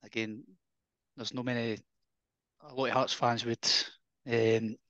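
A Scottish man hosts a casual podcast interview in a mid-pitched voice. He asks easygoing, tentative questions and backs up his guest. The recording is dry and slightly dull. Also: level tone, a little slow, no echo. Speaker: podcast host.

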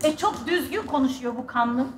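A woman's voice: high voice, normal speed, background noise. A woman playing an exasperated, sarcastic wife in a stage sketch comedy. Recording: live stage with loud audience.

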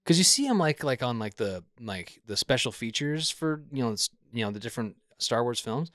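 A man's voice: mid-range voice, sing-song, fairly quick, a bit bright, no room sound. A man with a mid-range voice chats in a jokey way on a podcast, full of "like" and asides. The sound is dry and close. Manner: chatty, repetitive "like", jokey asides. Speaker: podcast co-host. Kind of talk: casual podcast chat.

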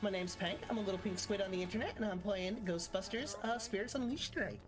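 A woman's voice: medium pitch, quick pace. A woman livestreaming a game, talking in a cute, welcoming anime-streamer manner. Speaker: game livestreamer with a squid avatar. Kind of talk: livestream gaming chat. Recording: music behind, heard through a stream. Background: loud game music.

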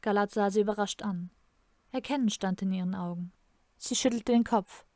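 A woman reading her own novel aloud in a measured, dramatic narration. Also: mid-range voice, mellow, dry recording. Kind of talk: audiobook narration.

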